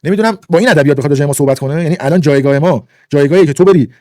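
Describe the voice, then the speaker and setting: A man's voice: on the high side, dark tone, no echo, clean studio sound. A man ranting indignantly on a livestream, lecturing and repeating his points for emphasis. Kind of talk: heated livestream rant.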